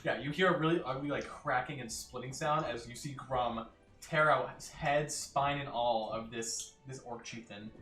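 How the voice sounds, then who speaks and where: A man's voice: mid-range voice, normal speed, background noise. A man running a tabletop game as game master, narrating casually. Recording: roomy, distant mic, music behind.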